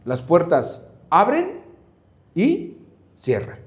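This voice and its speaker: A man teaching a Bible study on Proverbs, animated, with frequent fillers and restarts. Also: sits high, drawn-out words. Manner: animated, acts out shouts and whispers in examples. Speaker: preacher.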